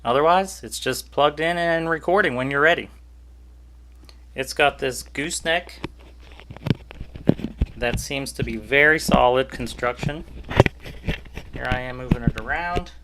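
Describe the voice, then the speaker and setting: A man's voice: medium pitch, very noisy. A man casually reviewing a microphone on his video channel, chatty and easygoing with jokey asides, recorded at home on a cheap USB desk microphone. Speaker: YouTuber reviewing gear. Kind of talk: casual product review vlog.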